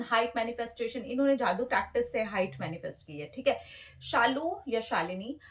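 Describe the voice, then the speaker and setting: A woman hosting her channel in a chatty, casual way, laughing at her own confusion while she reads out a viewer's letter. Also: high-pitched. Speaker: channel host.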